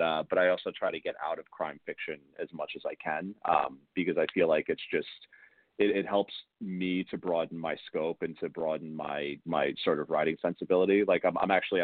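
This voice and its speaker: A man's voice: sits low, no room sound. A man in his thirties, an author, chatting in a rambling, casual way, heard over a phone-like call line. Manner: rambling, chatty, self-correcting. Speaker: crime fiction author, interview guest. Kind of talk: casual interview chat. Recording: dry, tinny phone-like call audio.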